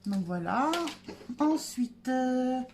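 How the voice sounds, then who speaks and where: A woman's voice: sits high, expressive, extremely slow, darkish tone, slight background noise. A woman chatting casually at home through a shopping haul, with lots of hesitations. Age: adult. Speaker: haul vlogger. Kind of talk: casual product haul chat.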